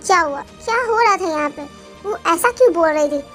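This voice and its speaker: A woman's voice: extremely high pitch, expressive, a little fast, a bit bright, soft background music. A woman voicing a young rich husband, defensive and stammering in a fan-dubbed drama. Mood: protective. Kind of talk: Hindi fan dub acting.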